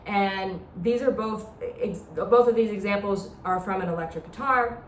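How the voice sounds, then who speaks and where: With a medium-pitched voice at normal speed, a female instructor walks through a talk box demonstration step by step, informal and hands-on. A distant mic leaves the audio echoey with background noise.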